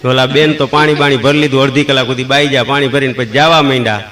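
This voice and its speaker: This fast-talking comedian has a steady, mid-range voice that sounds pushed and bright, with a Kathiyawadi Gujarati accent. His folksy monologue features acted-out character lines, sung bits of procession songs, and laughter at his own punchlines.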